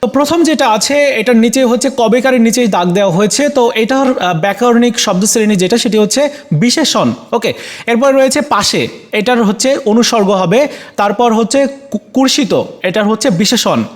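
Man, high voice, Bangladeshi accent, casual exam walkthrough, fillers. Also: moderate pace. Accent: Bangladeshi Bengali. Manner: casual, frequent fillers and self-corrections. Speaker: teacher.

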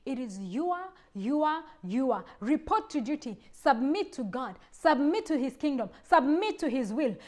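Lively high-voiced woman preaching. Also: moderate pace, few pauses. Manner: emphatic, repeats phrases, rises to loud exclamations. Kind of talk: sermon teaching.

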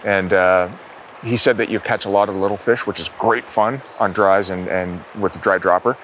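A man in his thirties hosting an outdoor fishing show, wading in a small river and talking in an upbeat way that gets excited when a fish bites. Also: sits low, moderate pace, slight background noise.

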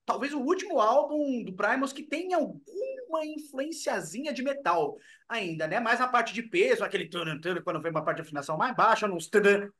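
A young man from Brazil chats on a webcam call from his room with a high, bright voice. He is chummy and slangy, keeping the talk animated as a co-host. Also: fairly quick, hardly any pauses. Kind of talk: casual album review chat. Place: home room. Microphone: video call webcam.

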